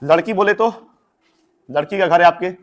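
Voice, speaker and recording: A man's voice: high-pitched, moderate pace, fairly bright tone. A young man, explaining a story to students in a chatty way with direct asides. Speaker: teacher.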